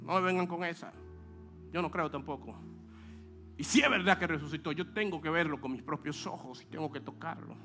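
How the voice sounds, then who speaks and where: Man doing a doubting apostle, scornful, insistent, bright high voice. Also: a little fast, soft background music. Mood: skeptical.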